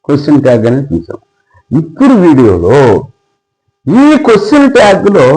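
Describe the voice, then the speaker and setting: A middle-aged male teacher with a Telugu accent explains grammar in a high, lively voice. He talks emphatically and drills word pairs with rising stress. His pitch swoops up and down constantly. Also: poor audio. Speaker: English teacher. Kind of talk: explanatory lesson narration.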